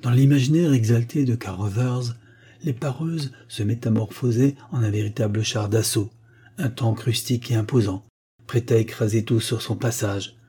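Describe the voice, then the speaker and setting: A man reading a novel aloud as an audiobook narrator, in a measured, expressive way. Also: medium pitch, husky. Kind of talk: scripted narration.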